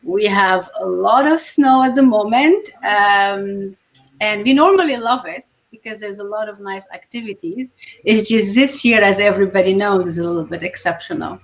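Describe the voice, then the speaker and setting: A woman, hosting a casual talk show over a video call and pausing often on fillers. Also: mid-range voice. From Lebanon. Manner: unhurried, many filler pauses. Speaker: host.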